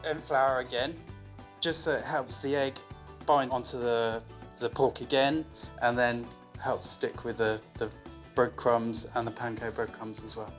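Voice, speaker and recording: A man's voice: medium pitch, steady tone, measured pace, faint music behind. A man who farms and cooks, explaining his process in a casual, modest way. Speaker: farmer and cook. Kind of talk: casual chat.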